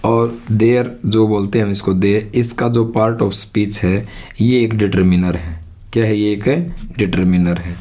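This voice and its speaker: Man, teacher, lowish voice, repeats words, quizzes himself. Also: fairly even intonation, unhurried, warm tone. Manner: repeats words, asks and answers own questions. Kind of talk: classroom lesson with board.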